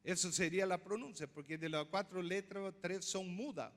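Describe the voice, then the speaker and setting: A man's voice: high-pitched, moderate pace. A man pastor preaching a sermon, teaching step by step and asking the congregation questions. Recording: long hall reverb.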